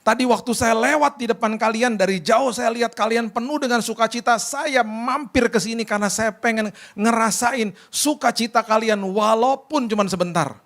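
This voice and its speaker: A male pastor voicing a tender, emotional middle-aged woman from abroad in a high, soft, pleading voice. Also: moderate pace, gravelly, few pauses, full character voice. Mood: yearning.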